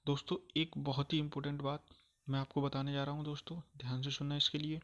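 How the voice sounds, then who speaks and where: A man teaching a grammar lesson, repeating phrases patiently and slowly sounding out each vowel for his listeners. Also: a little high, flat delivery, fairly bright tone, highs cut off. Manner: repetitive, calls listeners "friends", checks understanding often.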